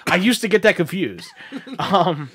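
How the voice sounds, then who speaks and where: A man's voice: high-pitched, big pitch swings, unhurried, a bit bright. A young man hosting a casual podcast chat, rambling, laughing easily and swearing as he talks. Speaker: podcast host.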